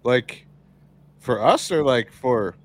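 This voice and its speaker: A man's voice: mid-range voice, expressive, takes it slowly. A man playing a tabletop game, casual and easygoing as he speaks for his character. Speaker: player. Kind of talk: tabletop role-play chat.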